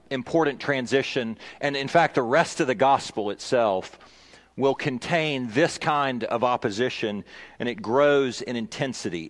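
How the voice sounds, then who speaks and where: A middle-aged man, a pastor, preaching a sermon in an earnest, measured way, pausing with fillers and restarting phrases. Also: medium pitch.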